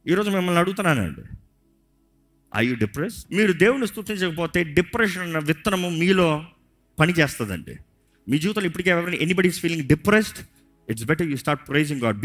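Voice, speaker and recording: A man's voice: fairly high pitch, a bit bright. A male pastor preaching in a sermon, repeating phrases and acting out pleading quotes, switching into English now and then. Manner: preaching with dramatic voiced quotes and repetition.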